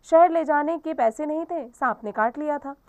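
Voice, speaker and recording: Young herdsman guy, plain flat telling, woman teacher reading him out, high voice. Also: moderate pace, dry recording, lightly acted. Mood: grieving. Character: young male village herdsman, grieving.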